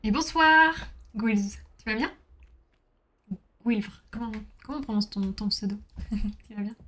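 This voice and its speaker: A woman's voice: fairly high pitch, measured pace, a bit bright. A woman streaming a game, chatting casually with her viewers, reading their messages aloud and bursting into exclamations.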